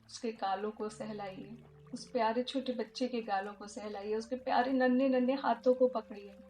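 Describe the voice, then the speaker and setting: Woman leading a soft, emotive meditation. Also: on the high side, fairly even intonation, moderate pace, slight background noise. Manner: soft, emotive, often drops to a hush. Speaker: meditation teacher. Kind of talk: guided meditation.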